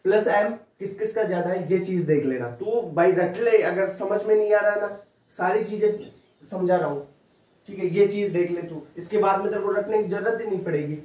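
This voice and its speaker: A man's voice: high voice, moderate pace, a little mellow. A man teaching chemistry for an exam, talking informally and repeating points over and over to drill them in. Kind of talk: exam-prep lecture. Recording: roomy classroom audio, mic at a distance.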